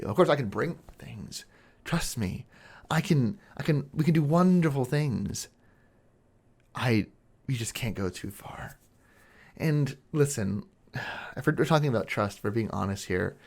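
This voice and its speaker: A man playing an obsessive, controlling kidnapper stalker in an intimate role-play monologue, musing and coaxing in a halting, menacing way. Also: lowish voice, vocal fry, darkish tone, full character voice.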